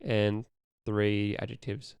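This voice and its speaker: A man's voice: on the low side, steady tone, slow, vocal fry, a little mellow, clear, resonant tone, dry recording, studio quality. A young man co-hosting a casual podcast, rambling with lots of ums and restarts as he asks questions. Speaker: podcast co-host asking questions. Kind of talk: casual chat.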